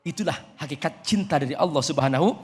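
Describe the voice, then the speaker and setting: A man preaching to a studio audience, animated and joking with them, his voice jumping up high to stress a point. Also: fast talker. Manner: animated, jokes with the audience, swoops up high for emphasis. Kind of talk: humorous sermon to a studio audience. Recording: reverberant studio hall.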